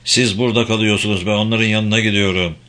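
A man voicing a gruff, impulsive army colonel in a spoken audiobook who talks bluntly and curses. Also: fairly low pitch, fairly even intonation, quick pace, fairly bright tone, close to an everyday voice. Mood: urgent. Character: gruff hot-headed older male colonel.

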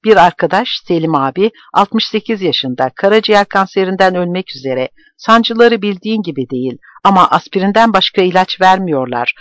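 A man's voice: high voice, fairly bright tone, no room sound, studio quality, pitched above the performer's own voice. A man voicing a worn-out, stubborn man with a trembling voice, bitter and resolute. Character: gaunt weary man, stubborn ex-prisoner.

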